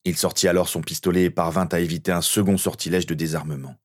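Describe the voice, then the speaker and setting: A man narrating a fan-fiction story as an audiobook in a steady, earnest way. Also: deep voice, fast talker.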